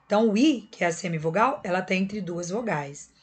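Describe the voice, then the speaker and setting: A woman's voice: medium pitch, expressive, fairly quick, a little mellow. Patient woman teaching a lesson. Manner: patient, step-by-step explaining, checking in often with listeners. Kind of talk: recorded classroom lesson.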